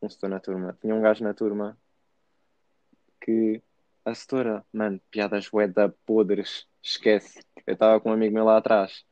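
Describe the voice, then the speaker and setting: A young man with a European Portuguese accent bantering casually as a podcast co-host, in slangy, animated storytelling. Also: on the low side, normal speed, no echo. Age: young adult. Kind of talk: casual banter between friends. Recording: slightly dull, dry close sound.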